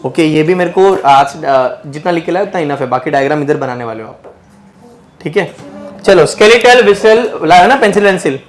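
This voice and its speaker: A man's voice: a little high, lively intonation, normal speed. A young man teaching biology to a class, teasing his students and mixing English terms into his Hindi. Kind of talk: joking classroom lecture. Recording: noisy classroom crowd.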